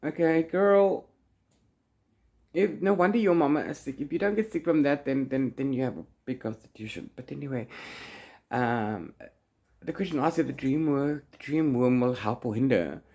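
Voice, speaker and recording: Speaking at a moderate pace in a medium-pitched, darkish voice, this man talks through a chatty reading vlog. His playful, theatrical rambling drifts off into fillers like "blah blah" and "la-la."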